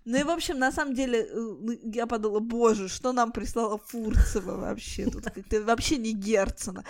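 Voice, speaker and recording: Woman, thirties, fairly high voice, animated storyteller, casual podcast co-host. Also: fairly quick. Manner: animated storytelling, lively pitch swings. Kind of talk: casual chat about children's books.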